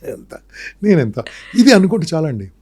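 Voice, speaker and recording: A man's voice: fairly high pitch, sing-song, moderate pace, darkish tone, breathy edge. A man, a public speaking trainer, talking emphatically in an interview and firing off rhetorical questions and lists. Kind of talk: motivational interview talk.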